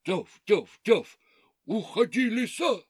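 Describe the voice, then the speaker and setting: A woman doing loud, barking storybook dogs. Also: on the low side, sing-song, very slow, slightly rough, no echo, clean studio sound, heavily acted. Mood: brave. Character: pack of kindly barking dogs.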